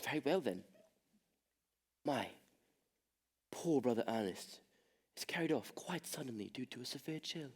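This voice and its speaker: A young man acting a weary, proper gentleman in a school stage comedy, with a dry delivery. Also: mid-range voice, lively intonation, moderate pace, long pauses, breathy edge. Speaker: stage actor in a school play.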